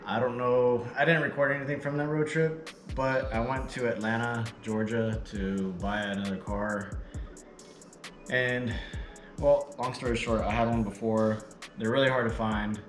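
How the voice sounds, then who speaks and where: A man's voice: medium pitch, fairly even intonation, normal speed, fairly bright tone. A tired, slightly out-of-breath man casually rambling to his viewers as he unboxes and reviews a product. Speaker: vlogger. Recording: echoey room with background music.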